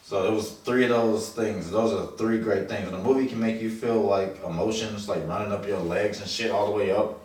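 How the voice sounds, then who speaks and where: A film review podcast co-host in his thirties chats loosely about a movie, full of slang and emphatic swearing. His voice is lowish, darkish, fairly even in intonation and a little fast. The microphone sits at a distance, picking up a roomy echo.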